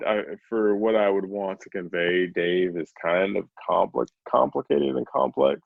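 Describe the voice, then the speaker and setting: A man with a low, gravelly voice hosts a podcast in a laid-back, chatty way. He laughs easily. The sound is dry and a bit dull. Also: measured pace, dry recording. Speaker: podcast host. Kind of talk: casual podcast chat.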